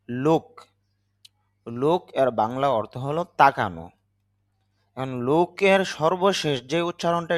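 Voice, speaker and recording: A man with a Bangladeshi Bengali accent teaches English grammar. He talks patiently and repeats each rule step by step, at an ordinary middle pitch. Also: no echo, clean studio sound.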